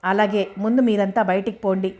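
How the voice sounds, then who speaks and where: A woman voicing an agitated, confused young man who shouts accusations at his family. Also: mid-range voice, steady tone, fairly quick, slight background noise, close to an everyday voice. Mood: hostile, shouting. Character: agitated young man, hostile, confused after head injury.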